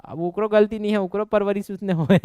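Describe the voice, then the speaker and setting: A young coaching-class teacher from Chhattisgarh, India, speaks with a Chhattisgarhi accent in a high, warm, clean voice with a slight nasal ring and fairly even intonation. He repeatedly quizzes the class and answers his own questions, sometimes lapsing into dialect, with no room sound.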